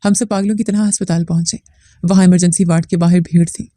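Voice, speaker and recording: A woman narrating a first-person family drama story in a steady, somber manner. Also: lowish voice, quick pace, no echo.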